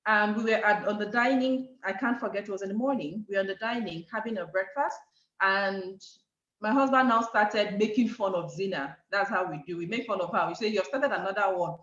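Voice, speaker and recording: A woman's voice: medium pitch, fairly quick. A middle-aged Nigerian woman with a Nigerian accent, telling her story as a guest speaker and acting out the dialogue. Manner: animated, acts out quoted dialogue. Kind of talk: storytelling talk. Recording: echoey, dull online call audio.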